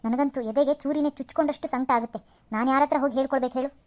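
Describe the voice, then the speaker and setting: A quarrelsome old mother-in-law from a cartoon serial, voiced by a woman, who scolds and complains in a high voice at a rapid clip. Her lines come in heavy sighs and self-pitying grumbles. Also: fairly even intonation, darkish tone, natural voice. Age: older. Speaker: cartoon voice actor.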